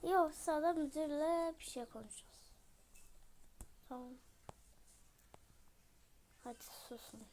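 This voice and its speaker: A woman's voice: high-pitched, slow, long pauses, noisy background. A woman voicing an exasperated, scolding mother in a toy role-play story.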